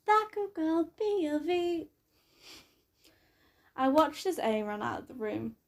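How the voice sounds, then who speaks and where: A woman's voice: high-pitched, very animated, takes it slowly. A woman reading fan fiction aloud in a casual way, with occasional fillers.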